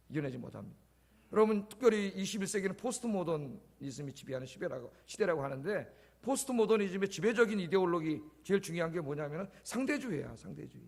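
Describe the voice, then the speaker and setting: A man preaching a sermon as pastor, speaking emphatically and echoing key words in a quieter voice. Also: high-pitched, vocal fry. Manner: emphatic preaching, repeats key words softly after stressing them. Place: church sanctuary. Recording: long church reverb.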